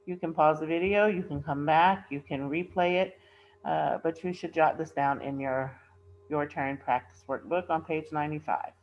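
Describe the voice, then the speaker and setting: A woman's voice: low-pitched, steady tone, normal speed, dull audio. A woman teacher giving a recorded workbook lesson to students, patiently repeating and rephrasing key terms, and reading a poem aloud with stress on the line endings.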